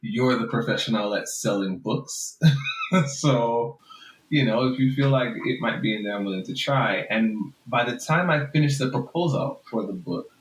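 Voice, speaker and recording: A man's voice: medium pitch, moderate pace, slight background noise. A man with a Jamaican accent, telling his story as a podcast guest in an earnest, reflective way and laughing often. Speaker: guest author. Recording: roomy echo.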